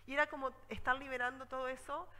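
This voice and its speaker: Una mujer con acento rioplatense que da una charla de viajes y cuenta anécdotas con viveza, imitando a la gente de sus historias. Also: female voice, high voice, fast, long reverb tail, poor audio. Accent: Rioplatense Spanish. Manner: lively storytelling, acts out scenes. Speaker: travel speaker. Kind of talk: conference talk with anecdotes.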